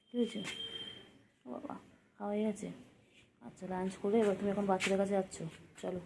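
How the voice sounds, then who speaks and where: A woman speaks to her cats at home, calling them over and mock-scolding them in affectionate baby talk. Her voice sits at an ordinary middle pitch for a woman. The home recording is noisy, with a steady hiss and household sounds behind her. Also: fast talker, creaky. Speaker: pet owner.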